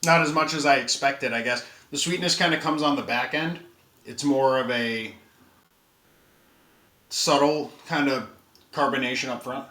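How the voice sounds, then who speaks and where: A man's voice: medium pitch, a little slow, pauses often. Man chatting casually in a roomy space. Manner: relaxed, chatty, thinking aloud with fillers. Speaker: streamer doing a taste test. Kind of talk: casual live-stream chat. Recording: roomy with faint background noise.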